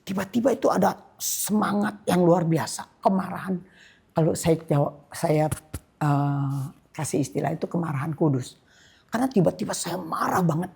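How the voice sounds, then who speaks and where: An older woman from Indonesia speaks as a guest pastor, telling her own story with deep feeling. Her voice is very husky and gravelly, low and dark in tone. She drops to soft whispers, then rises to loud outbursts. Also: moderate pace. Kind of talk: personal testimony in a church podcast.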